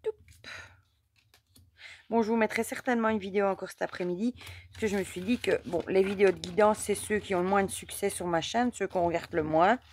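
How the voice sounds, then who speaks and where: A hoarse mother, chatting in a rambling way as she hosts an oracle card reading. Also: mid-range voice, steady tone, fairly quick, darkish tone. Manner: chatty and rambling, many fillers. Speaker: oracle card reader, channel host. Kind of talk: casual chat during a card reading.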